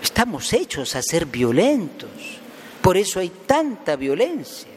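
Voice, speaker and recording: Joking priest in a cathedral. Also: male voice, sits high, huge pitch swings, measured pace, slight background noise. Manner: folksy and joking, asks the congregation questions. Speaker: priest preaching at Mass. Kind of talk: Palm Sunday homily. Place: large cathedral. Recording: long church reverb, faint ambience.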